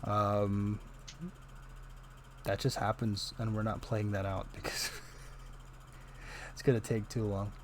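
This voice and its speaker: A man running a tabletop game as game master, with a joking manner and quick asides. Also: lowish voice, flat delivery, a little hiss or hum.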